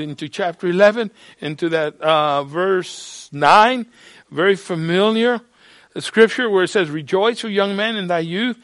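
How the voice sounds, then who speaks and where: An older man preaches to a congregation with a high voice, swinging from quiet asides to loud emphatic declarations. He often stumbles and restarts his words. The sound is dry and close. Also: no echo. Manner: halting restarts and repeated words. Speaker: pastor. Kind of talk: sermon. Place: church sanctuary.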